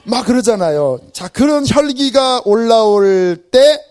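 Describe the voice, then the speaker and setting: A man's voice: extremely high pitch, unhurried. A male pastor giving a Friday evening sermon in a church, acting out everyday scenes with self-deprecating humor. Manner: animated, acts out everyday scenes. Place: church sanctuary.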